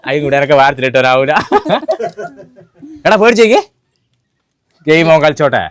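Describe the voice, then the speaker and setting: A man's voice: on the high side, animated. A young man, teasing his family playfully during a birthday surprise video. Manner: teasing, playful, quick-talking. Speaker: prankster video host.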